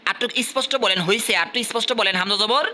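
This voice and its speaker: Man, madrasa teacher, from Bangladesh, bright tone, coaxing, repeats questions, faint background noise. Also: high voice, fast. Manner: coaxing, repeats questions, urges louder answers. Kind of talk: classroom quizzing.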